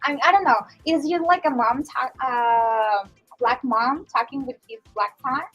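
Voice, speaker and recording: A woman's voice: high-pitched, measured pace, a bit bright, husky, lo-fi sound, faint music behind. A young woman chatting on a school radio show, filling her talk with "like". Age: young adult. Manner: chatty, leans on "like" as a filler. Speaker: student guest on school radio. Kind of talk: casual chat.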